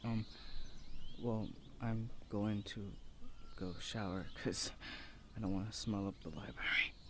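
A voice actor plays a shy, flustered young university student in an ASMR boyfriend roleplay, stammering in a hesitant, awkward, earnest way. His voice is on the low side, steady, a bit bright and a little slow, with slight hiss or hum in the recording.

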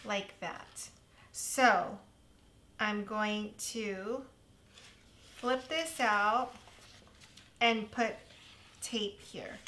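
A woman hosting a casual crafting tutorial, chatty and self-deprecating, with a slightly hoarse voice. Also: medium pitch, very slow, long pauses, bright, forceful tone, slight background noise. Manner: chatty, self-deprecating, laughs at her own mistakes. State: slightly hoarse, losing her voice.

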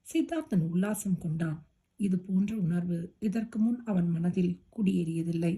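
A woman narrating a romance novel as an audiobook, with steady, expressive storytelling. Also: fairly low pitch, moderate pace, slightly rough.

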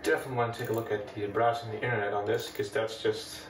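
On the low side and quick, this Dutch-accented man narrates an old computer demo in a relaxed, conversational way, going through it step by step. He's a retro computing video host in a space crowded with vintage machines. Slight background noise and an echoey, far-off mic mark the recording.

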